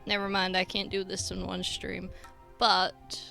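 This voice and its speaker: Woman, live-stream chatter, self-teasing and giggly, gravelly fry, slow pace. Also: mid-range voice, monotone, bright, forceful tone, faint music behind. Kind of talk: casual live-stream chat.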